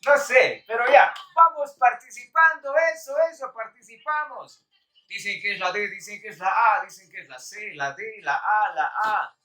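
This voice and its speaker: A woman teaching Quechua on a live stream, calling out to viewers and running a lively quiz. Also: mid-range voice, moderate pace. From Bolivia. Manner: lively, calls out to viewers, counts down. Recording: echoey room, far from the mic, faint music.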